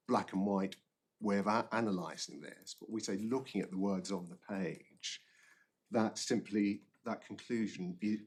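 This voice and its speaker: A man arguing an appeal as a barrister, formally, halting and often repeating words. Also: sits low, husky. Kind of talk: formal courtroom legal argument.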